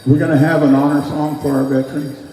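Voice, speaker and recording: A man working as a powwow master of ceremonies, announcing casually in an informal, halting, folksy way. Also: a little high, flat delivery, warm tone. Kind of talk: casual live event announcing. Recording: very echoey hall PA, music behind, distant.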